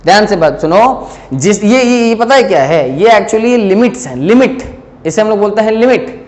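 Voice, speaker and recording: High-voiced male teacher in an echoing classroom. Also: lively intonation, moderate pace, darkish tone. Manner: explains step by step, mixes Hindi and English, keeps checking "clear hai?". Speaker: physics teacher. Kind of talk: classroom lecture at a board.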